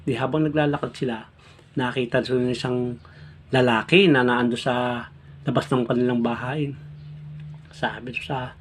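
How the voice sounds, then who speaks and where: A man's voice: mid-range voice, fairly even intonation, moderate pace, pauses often, breathy edge. A man hosting a vlog, telling a long joke casually and rambling with restarts. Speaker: vlog host.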